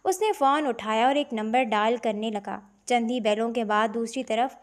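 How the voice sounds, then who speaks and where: Woman reading a novel out loud, kinda high voice, steady storyteller pace. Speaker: audiobook narrator. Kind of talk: scripted novel narration.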